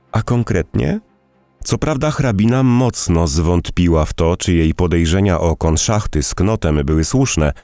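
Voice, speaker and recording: Audiobook narrator, male, extremely low, dark voice, dry close sound, lively delivery. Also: no room sound. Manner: expressive, measured storytelling.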